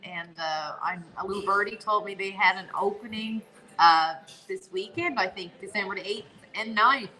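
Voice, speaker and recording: A woman's voice: mid-range voice, moderate pace, pushed and bright, low-quality recording. A woman from Newfoundland with a Newfoundland accent, chatting casually and enthusiastically as a guest co-host. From Newfoundland, Canada. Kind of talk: casual chat.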